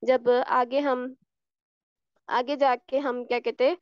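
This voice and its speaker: A woman with a high, smooth, clear voice teaches a recitation lesson over an online class. She demonstrates each sound by repeating it and keeps checking that her students follow. The audio is dry and a little dull, like a call mic. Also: flat delivery, slow pace, no echo. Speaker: tajweed teacher.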